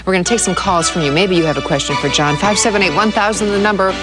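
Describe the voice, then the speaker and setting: A woman's voice: medium pitch, fast, over loud music. A woman hosting a broadcast talk show, interviewing a guest in a casual conversational style. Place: television studio.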